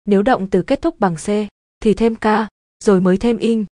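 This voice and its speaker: Woman teacher, mellow tone, dry close sound, measured scripted delivery. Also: medium pitch, no room sound. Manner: even, measured explaining. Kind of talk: scripted grammar lesson narration.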